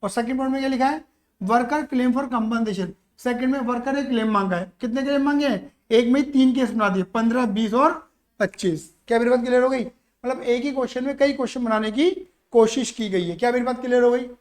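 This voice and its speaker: A man's voice: very high voice, fairly quick, a little mellow. A man teaching an accounting lesson, who keeps checking whether students follow and acts out little stories to explain. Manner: keeps asking students "yes or no" to check understanding. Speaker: commerce teacher. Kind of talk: classroom-style accounting lesson.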